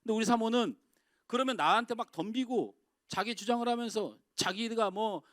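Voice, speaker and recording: A middle-aged man preaching a sermon with a fairly high voice. He asks the congregation questions and swings between raised exclamations and quiet phrases. The sound is dry and close, with little room echo. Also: normal speed. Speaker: pastor. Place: church sanctuary.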